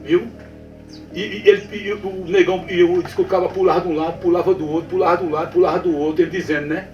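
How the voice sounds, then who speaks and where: A man's voice: high voice, fairly even intonation, fast, a little mellow, lo-fi sound. A man with a Northeastern Brazilian accent telling a ghost story to a listener, repeating phrases and often checking that the listener is following. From Brazilian Northeast backlands. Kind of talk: spoken folk tale told to a listener. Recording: roomy sound from a distant mic with faint music.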